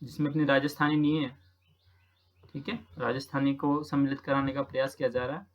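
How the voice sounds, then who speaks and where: A man's voice: medium pitch, level tone, fairly quick. A man from Rajasthan who teaches, patiently talking through practice exam questions and repeating each answer with frequent check-ins. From Rajasthan, India.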